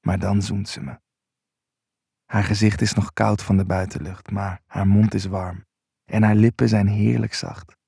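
A man narrating an intimate first-person erotic story in a low, unhurried voice. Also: little pitch movement, gravelly, warm tone, husky, no room sound, clean studio sound.

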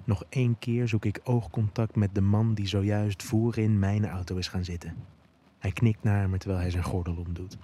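A man's voice: lowish voice, flat delivery, moderate pace, mellow, a little hiss or hum. A man giving intimate first-person narration of an erotic audio story.

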